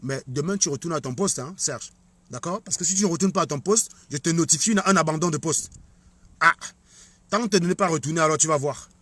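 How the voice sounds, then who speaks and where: A man putting on a calm, condescending male company boss who brushes off an employee's complaint, in a lower, quieter voice. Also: brisk, dry recording. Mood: dismissive.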